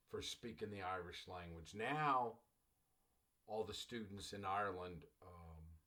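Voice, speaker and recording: Low-leaning and fairly bright, the voice is that of a middle-aged man from Los Angeles, United States, who teaches college English. His recorded class lecture wanders and digresses, with repeated phrases and frequent calls of "class."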